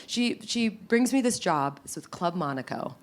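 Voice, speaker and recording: Animated storytelling woman, lowish voice. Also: normal speed. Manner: animated, acts out quotes, many fillers. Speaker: guest. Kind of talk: casual storytelling interview.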